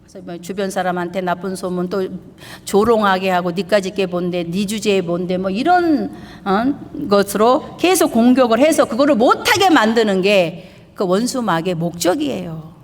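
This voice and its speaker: A woman's voice: mid-range voice, animated, normal speed. A woman pastor preaching an emphatic sermon, putting rhetorical questions to her congregation. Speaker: pastor and missionary. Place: church sanctuary. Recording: long reverb of a church hall.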